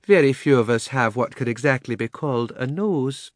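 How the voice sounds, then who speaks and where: Man voicing a genteel, high-pitched lady elephant. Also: animated, moderate pace, no room sound, studio quality, natural voice. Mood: prim, thoughtful. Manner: thoughtful, politely pedantic, delicate. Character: genteel, mild, self-satisfied female elephant.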